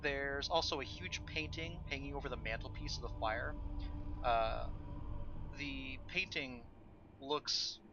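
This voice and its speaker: A man's voice: medium pitch, measured pace, background noise. Laid-back male game master, dull audio. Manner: relaxed, filler-heavy describing. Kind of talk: narrating a tabletop game.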